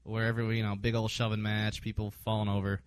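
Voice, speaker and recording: A man's voice: on the low side, completely flat delivery, quick pace, clear, resonant tone, no echo. A man hosting a casual sports podcast, recapping games with frequent ums and hesitations. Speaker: podcast host.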